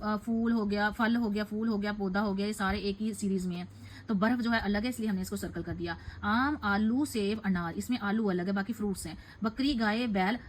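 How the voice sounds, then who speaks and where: A woman's voice: medium pitch, slight background noise, rough recording. A woman teacher reading out questions and answers for a class lesson, explaining step by step and correcting herself now and then.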